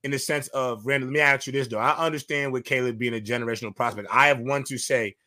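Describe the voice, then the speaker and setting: A man's voice: medium pitch, steady tone, fast, bright, forceful tone. A man hosting a heated, casual sports debate, speaking emphatically and repeating phrases to hold the floor. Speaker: sports talk show host moderating a panel.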